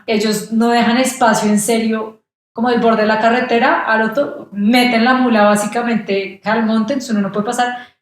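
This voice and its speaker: A young Colombian woman, a podcast guest, telling a travel story in casual conversation and acting out the voices of people she met. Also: on the high side. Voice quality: animated, acts out quoted voices. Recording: very echoey room.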